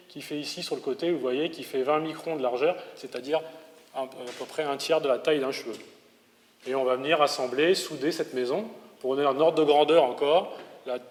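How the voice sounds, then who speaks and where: In a large, echoey lecture hall with long reverb, an engineering professor in his forties gives a public lecture in a voice on the high side. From the Paris region and speaking with a metropolitan French accent, he explains things, rephrases, and hesitates now and then.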